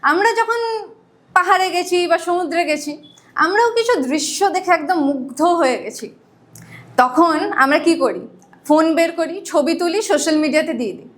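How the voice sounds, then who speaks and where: A woman's voice: high-pitched, normal speed. A woman teacher with a Bengali accent, explaining a poem to students and answering her own questions. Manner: asks questions and answers them herself.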